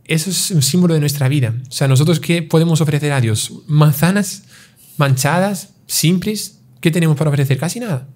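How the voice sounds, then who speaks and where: Calm, mellow-voiced priest explaining. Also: male voice, fairly high pitch. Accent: Spanish-speaking. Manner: calm, measured, teaching with parables and rhetorical questions. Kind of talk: explanatory religious talk.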